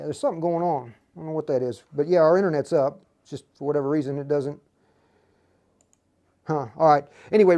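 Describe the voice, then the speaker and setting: A man with a high-leaning, slightly mellow voice hosts a livestream as an instructor, presenting a live tutorial. He explains things casually and folksily, talking straight to his viewers.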